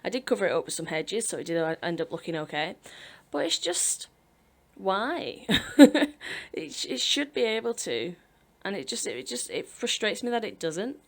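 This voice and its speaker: This Sims speed-build YouTuber is a woman in her twenties with a British accent and a mid-range, sing-song voice at normal speed. Her talk is casual chat over gameplay, rambling and self-deprecating, with frequent laughter as she builds.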